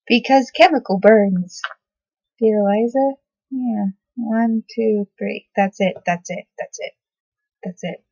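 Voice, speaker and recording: A woman's voice: mid-range voice, darkish tone, dry recording. A young woman casually chatting through her skincare and makeup routine in her bedroom, rambling and swearing offhandedly. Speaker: beauty vlogger. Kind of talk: casual makeup tutorial chat. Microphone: laptop built-in mic. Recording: dull dry laptop mic audio.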